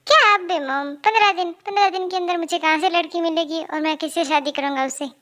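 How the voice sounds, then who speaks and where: A woman's voice: very high voice, quick pace, bright, forceful tone. A woman voicing a cheeky young male boss. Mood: pleading. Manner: bossy at work, pleading and babyish with his mother. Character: young male company boss, cheeky, whiny with his mother.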